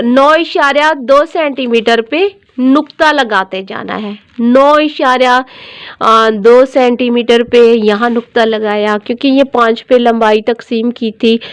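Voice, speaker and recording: A woman teaching a dressmaking tutorial, explaining each step patiently and repeating every measurement. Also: on the high side.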